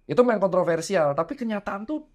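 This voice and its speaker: A man in his thirties chats on a podcast as a doctor and father. He tells stories in an animated way, slipping into the voices of the people he quotes. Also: high-pitched, fast. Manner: animated storytelling, acting out quoted dialogue. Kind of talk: casual podcast chat.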